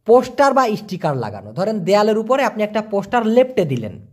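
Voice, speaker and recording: A man from Bangladesh, giving a casual vocabulary lesson and slowly repeating each word between chatty asides. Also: high-pitched, wildly swooping pitch. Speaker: language teacher.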